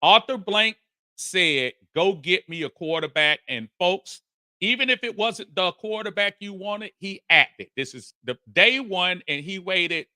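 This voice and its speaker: Fields: Sex: man. Role: sports talk host. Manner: energetic, folksy. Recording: dry, close mic. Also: high voice, measured pace, dry recording. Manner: energetic, folksy, shouts out viewers by name. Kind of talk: live-stream sports talk, reading chat comments.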